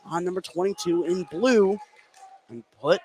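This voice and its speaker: A man with a high-sitting, darkish voice calls a live basketball game a little slowly, in clipped present-tense phrases that track the action. Gym noise comes through clearly behind him, faint music plays, and the audio quality is poor.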